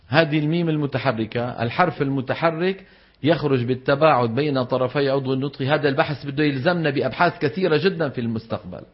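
A man's voice: a little high, husky. A man with a Levantine Arabic accent teaching a class on Quran recitation. He quizzes his students with questions and demonstrates the sounds aloud. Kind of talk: classroom lecture. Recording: dull lo-fi lecture recording.

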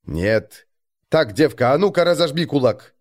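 A man's voice: mid-range voice, expressive, a little slow, natural voice. A man voicing a blunt, irritable wandering shaman who drawls and speaks sternly.

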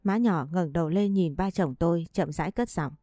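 A woman reading a family drama story aloud in a steady storytelling voice. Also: lowish voice, moderate pace, no echo. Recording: dry close voice with faint music behind.

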